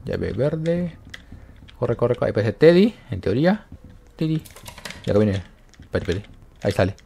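A man giving excited commentary on a horror game, yelping and repeating words when scared. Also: mid-range voice, normal speed, gravelly, slight background noise. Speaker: gaming YouTuber.

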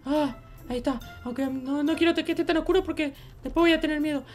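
A woman's voice: quick pace, a little mellow, soft background music. A woman voicing a mischievous runaway baby boy in a Minecraft roleplay, chatting to the viewers as he sneaks around. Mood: sneaky. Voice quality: squeaky childlike voice. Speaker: roleplay channel performer.

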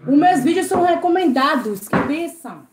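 A Brazilian woman with a high, lively voice hosts a casual live stream from her home's service area, talking at a normal pace. She reads comments, chats with viewers and greets them by name while cleaning. The room sounds echoey, with faint noise in the background.

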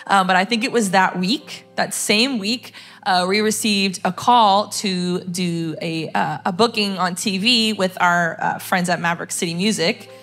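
A woman's voice: mid-range voice, measured pace, a bit bright, faint music behind. Chatty young woman sharing a church testimony. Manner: chatty and conversational with many fillers. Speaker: church staff singer giving testimony.

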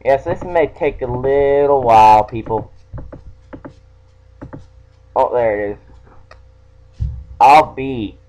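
A man's voice: medium pitch, slow pace, pauses often, mellow. A man casually playing a game and reading its text aloud in a playful, teasing way. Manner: playful, teasing read-aloud with mock-sinister touches. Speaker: let's play gamer. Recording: dull lo-fi home recording.

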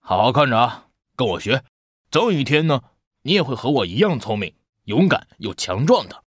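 A man's voice: mid-range voice, very animated, moderate pace, breathy edge, dry recording, studio quality. A man voicing a boastful, impatient young anteater big brother in a children's storybook reading, scolding and bossy.

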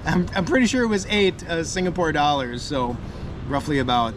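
An American man in his thirties hosting a food vlog, talking excitedly and joking as he eats, filmed at arm's length on a city street at night. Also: a little high, fairly quick. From United States. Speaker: food vlogger host. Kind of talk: casual vlog narration. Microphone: action camera held at arm's length. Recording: loud street noise behind.

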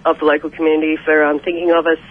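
A woman's voice: low-pitched, monotone, rapid-fire. Woman on a muffled phone line. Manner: polite, hesitant with many fillers. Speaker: sports club representative. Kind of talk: phone-in radio interview. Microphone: telephone.

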